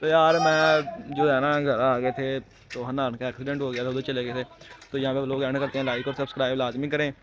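A young vlogger with a Pakistani Punjabi accent chats casually while walking through a mall, a terrace, and outdoors, repeating phrases for emphasis. His mid-range voice is level and brisk. He holds the phone at arm's length, and the audio is dull phone sound with loud background noise.

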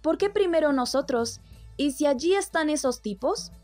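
A woman's voice: sits high, expressive, moderate pace, dark tone, soft background music, voice pushed up. A woman voicing a hot-tempered, scornful husband who fires off sneering questions, read out plainly. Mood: angry.

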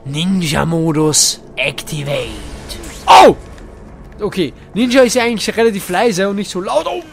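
A man giving playful, hammy gameplay commentary, dropping in English phrases and sudden shouts. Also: sits high, sing-song, fairly quick, gravelly, soft background music. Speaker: let's play gamer.

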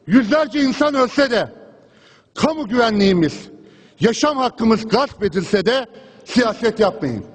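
A man's voice: very high voice, lively intonation, measured pace. A man in parliament gives an impassioned political speech at a rostrum microphone, hammering a repeated refrain. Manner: impassioned oratory with a repeated refrain, pressing on through interruptions. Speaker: member of parliament giving a speech. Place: parliament chamber, speaking from the rostrum. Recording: long hall reverb from a large chamber.

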